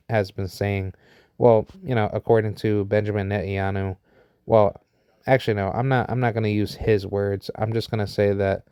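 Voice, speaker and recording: A man in his thirties from the United States talks his way through an opinion in a low, mellow voice that stays fairly level. His speech wanders, full of fillers and restarts, and his tone is smooth and resonant. The sound is close and dry. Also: dry recording. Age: 30s. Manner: rambling, heavy with fillers and restarts. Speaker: vlogger sharing opinions. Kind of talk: unscripted opinion monologue.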